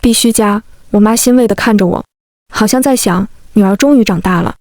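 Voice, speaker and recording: A woman narrating a first-person story in a brisk, wry storytelling manner. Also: medium pitch, a little mellow, dry recording.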